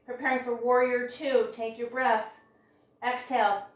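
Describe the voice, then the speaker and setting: A woman teaching a hatha yoga class, guiding each step in a careful, unhurried way. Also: on the high side, flat delivery. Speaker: yoga instructor. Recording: very echoey room, distant mic, music.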